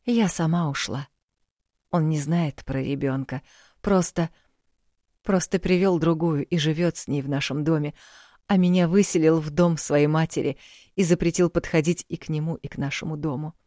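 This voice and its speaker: Woman doing young runaway wife, subdued, restrained, low-key. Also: fairly even intonation, normal speed, mellow, no echo, clean studio sound, lightly acted. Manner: subdued, hesitant. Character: young pregnant wife fleeing, tearful, quiet.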